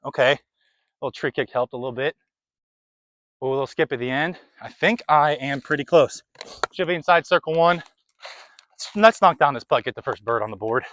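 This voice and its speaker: With a mid-range, fairly bright voice, he talks a little fast but stops often, and some slight background noise can be heard. The young man is outdoors playing disc golf, casually commenting between throws while a little short of breath.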